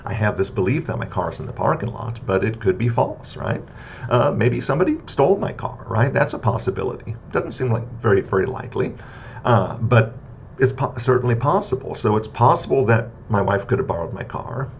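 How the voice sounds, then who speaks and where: A man lecturing on philosophy in a casual, conversational way, often checking in with "right?" and filling pauses with "uh". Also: big pitch swings, gravelly. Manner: conversational, frequent "right?" and "uh" fillers; repetitive list-like debunking of myths. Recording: slightly dull lo-fi audio with faint rumble.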